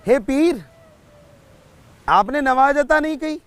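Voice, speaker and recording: A man's voice: high-pitched, sing-song, takes it slowly, full character voice. A man voicing a proud, demanding king. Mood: indignant. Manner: commanding, indignant questioning.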